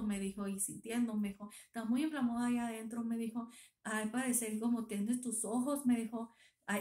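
A woman's voice: mid-range voice, dark tone, reverberant. A woman, retelling a personal story in a casual vlog and quoting others again and again. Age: 30s. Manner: emotional retelling, quoting others with constant "me dijo". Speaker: vlogger.

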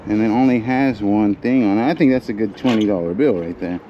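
Inside an indoor metal storage container, a man who resells storage auction finds goes through boxes, talking to the camera in a fairly low voice at a fairly quick pace. His narration is casual, joking, and full of thinking aloud, with lo-fi audio and a little background noise.

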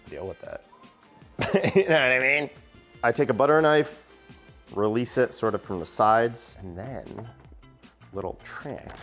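A man hosting a casual baking tutorial, talking in a chatty, playful way with lots of "like" fillers. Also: fairly low pitch. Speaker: baking channel host.

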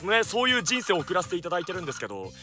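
A man giving energetic, jokey let's-play commentary with loud outbursts. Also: high voice, racing, faint music behind. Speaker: gaming YouTuber.

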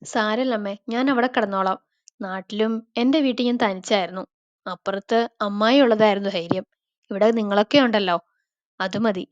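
A woman's voice: medium pitch, fairly even intonation, normal speed, no room sound, lightly acted. A woman voicing a lonely young woman who sulks and pouts like a child, on a slightly dull, dry recording. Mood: shy. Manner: soft, sulky and childlike.

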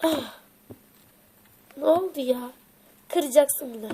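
A woman with a high, light voice plays through a toy story, voicing each little figure herself. Her lines bounce between playful urging and bickering back-and-forth. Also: slow pace, warm tone, slight background noise. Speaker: toy video creator.

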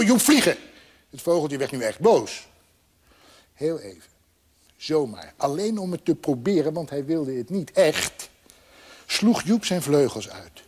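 Man, storyteller, lively read-aloud, husky voice, fairly high. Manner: lively, expressive. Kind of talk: storybook reading.

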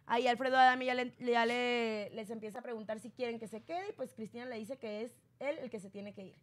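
High-voiced chatty woman gossiping. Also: brisk. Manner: chatty, acts out quotes with raised pitch. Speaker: gossip show host. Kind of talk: casual gossip commentary.

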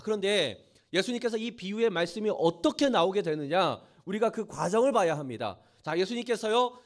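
A male pastor preaching a sermon, asking his congregation rhetorical questions and retelling scripture in lively plain speech. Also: extremely high pitch.

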